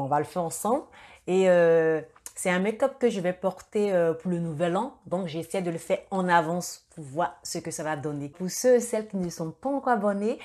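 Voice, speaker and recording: A young woman chats her way through a makeup tutorial, pausing often on fillers and starting her sentences over. Her voice sits a little low for a woman. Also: darkish tone, slight background noise. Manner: hesitant, many fillers and restarts. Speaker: beauty vlogger. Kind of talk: casual makeup tutorial talk.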